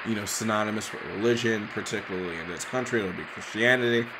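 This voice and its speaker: Tired man chatting over loud hiss. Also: fairly low pitch, fast talker. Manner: loose, chatty, frequent fillers and restarts. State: tired, yawning. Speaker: commentator reacting to a speech. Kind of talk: casual late-night commentary. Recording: loud background noise.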